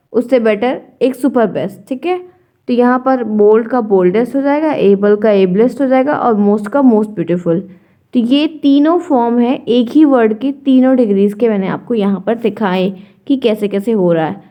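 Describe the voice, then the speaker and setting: Tired-voiced woman teaching slowly. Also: on the high side, dark tone. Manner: slow, patient explaining with frequent check-ins. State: tired, strained throat. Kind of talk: exam-prep lesson.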